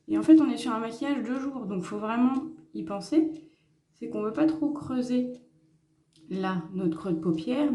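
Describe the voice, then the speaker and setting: A woman's voice: a little high, warm tone, echoey room. A woman talking through a makeup tutorial in a casual, hesitant way with many fillers. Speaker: makeup vlogger.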